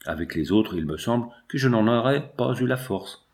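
A man's voice: medium pitch, expressive, moderate pace, a little mellow, lightly acted. Man reading as an earnest, pleading young girl. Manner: pleading, emotional. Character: grieving fifteen-year-old girl, earnest and compassionate. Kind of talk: audiobook reading.

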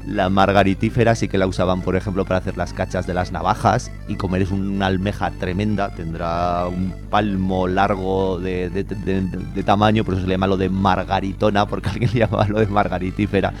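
A man with a low voice chats informally and enthusiastically on a radio show as a guest environmental educator, recommending walks. His pitch barely moves, and he talks a little fast with few pauses, stacking up descriptive words over soft background music.

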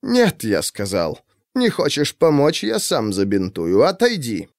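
Man voicing a furtive middle-aged husband, hushed mumbling, slow drawl, dry close sound. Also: mid-range voice, huge pitch swings, dry recording. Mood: harsh.

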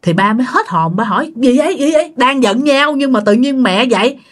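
A woman's voice: on the high side, animated, fairly quick. Chatty woman storyteller. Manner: chatty, addresses listeners directly. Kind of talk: spoken ghost-story narration.

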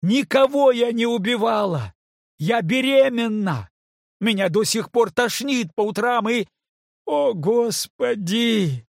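A man's voice: mid-range voice, animated, takes it slowly, slightly rough, dry recording, clean studio sound. A man voicing a desperate pregnant young woman who pleads and cries out in an audiobook. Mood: shouting. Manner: pleading, breaking into shouts.

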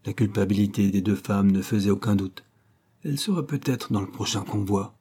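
A man narrates a novel in a steady, measured reading. His voice is low and dark, mellow in tone. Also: husky. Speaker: audiobook narrator. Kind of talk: scripted narration.

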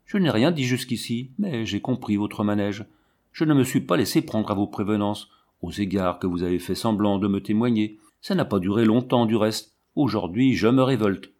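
A man's voice: fairly low pitch, moderate pace, darkish tone, lightly acted. A man reading the part of a defiant fifteen-year-old girl who speaks in an indignant, cutting way in a storybook reading.

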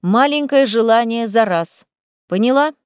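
A sly, greedy young cat familiar in female form, voiced by a woman reading a storybook. She speaks in a lazy, mocking, teasing tone, slightly high for a woman. The audio is dry and close, with no room sound. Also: lively intonation, unhurried, clear, resonant tone, no echo. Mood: instructing. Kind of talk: audiobook character voice.

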